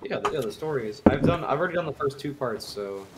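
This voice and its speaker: A man's voice: mid-range voice, animated, fast, very noisy. A man hosting a casual gameplay chat with friends, playful and directing his crew. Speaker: gaming host.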